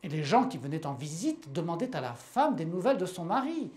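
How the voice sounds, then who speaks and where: A woman reading a short story aloud in measured, unhurried storytelling. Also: lowish voice, very animated, a little mellow. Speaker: reader.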